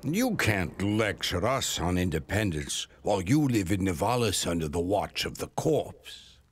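An actor playing a very old, devout and weary village elder in a video game, raspy and solemn, with poetic phrasing. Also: male voice, deep voice, sing-song, heavily acted. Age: older. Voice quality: raspy, gravelly. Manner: solemn, poetic, slow measured delivery.

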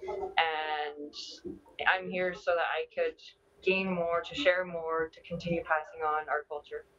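A woman's voice: sits low, level tone, a little slow, fairly bright tone. A young woman answering interview questions conversationally, hesitant and often repeating her words. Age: young adult. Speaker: interview guest, dog team owner. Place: large busy indoor meeting hall. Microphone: video call. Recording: muffled video call, distant microphone.

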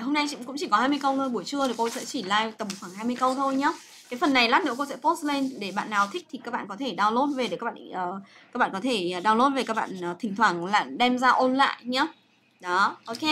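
A woman's voice: a little high, fairly bright tone, slight background noise. A young woman teaching English grammar on a livestream, chatty and coaxing, full of fillers and checks with her students.

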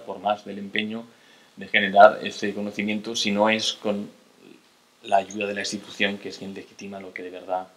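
A man, lecturing from a table in a lecture hall, hesitant, with restarts and tag questions. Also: fairly low pitch. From Spain. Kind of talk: lecture to an audience. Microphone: table mic on a stand.

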